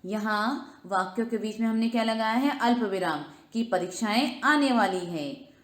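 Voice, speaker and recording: Woman teacher, slightly high voice, stresses examples slowly and asks the class questions, recorded in an echoey room. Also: fairly bright tone. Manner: slow, emphatic reading of examples with rhetorical questions. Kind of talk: grammar lesson reading and explaining.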